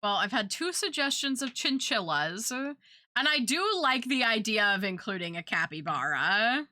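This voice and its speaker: A woman's voice: a little high, very animated, normal speed, sharp tone, no echo, clean studio sound. A woman chatting casually on an art livestream, rambling and thinking aloud. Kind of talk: casual, rambling livestream chat while drawing.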